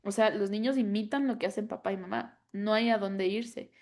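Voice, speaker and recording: A woman's voice: medium pitch, fairly even intonation, normal speed, darkish tone. A woman, a mother chatting as a podcast guest, telling stories with many fillers and laughs. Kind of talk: casual chat.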